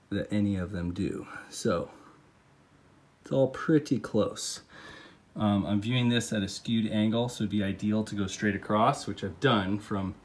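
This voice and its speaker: A man in his thirties, teaching DIY renovation, explains each step calmly with fillers while filming on a phone he often holds mid-task. His voice is on the low side with slight background noise, and he goes from a car into a house being renovated.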